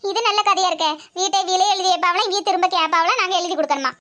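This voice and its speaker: A woman voicing a scheming, greedy middle-aged mother-in-law with a Tirunelveli Tamil accent, scolding and sharp-tongued. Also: very high-pitched, racing. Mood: mocking. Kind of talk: cartoon comedy voice acting.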